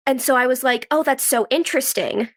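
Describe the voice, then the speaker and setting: This young woman talks a little fast in a high-pitched voice while guesting on a podcast as an actress and writer. Her answers are loose and conversational, full of stories, frequent "like"s, and quoted thoughts of her own.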